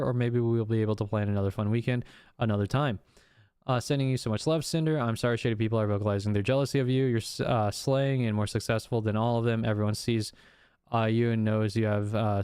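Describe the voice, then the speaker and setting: A man's voice: mid-range voice, smooth, no echo, studio quality. Man, streamer type, reading logs off screen, plain mid voice, breaks off to comment. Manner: reads text flatly, breaks off with swearing and laughs. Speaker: streamer reacting to a document. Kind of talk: casual reading of messages aloud with commentary.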